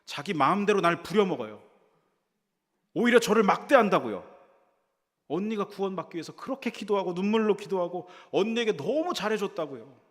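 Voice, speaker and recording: A male pastor voicing an indignant young woman complaining to her pastor, in a high, strained, aggrieved tone. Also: expressive, fairly quick. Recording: reverberant church hall.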